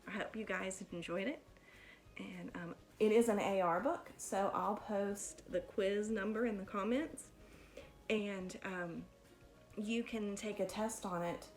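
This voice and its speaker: Faint music plays behind a woman reading a picture book to children. Her mid-range voice is expressive and deliberate, in the manner of a teacher addressing pupils.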